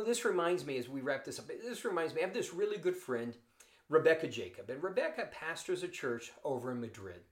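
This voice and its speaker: A man's voice: on the high side, reverberant. A man hosting a podcast, preaching a sermon with earnest storytelling. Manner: earnest storytelling, quoting scripture figures.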